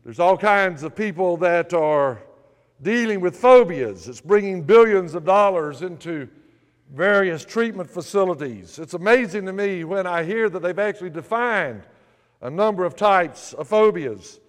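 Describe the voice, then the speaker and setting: High-voiced preacher man in a reverberant hall. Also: lively intonation, measured pace. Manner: preaching with humor and storytelling. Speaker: pastor. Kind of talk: sermon.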